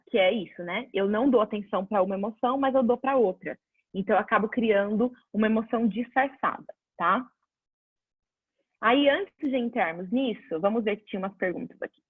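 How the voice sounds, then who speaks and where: Woman teacher, fairly high, breathy voice, dry phone-quality sound, chatty and explanatory. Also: brisk, dry recording. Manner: conversational, answers viewer questions, lively examples. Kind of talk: casual online class.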